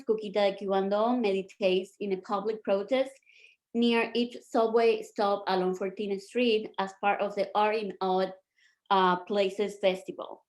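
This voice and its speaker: A woman from Cuba presenting her performance art on a video call, speaking in a measured, reflective way with pauses. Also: medium pitch. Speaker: performance artist.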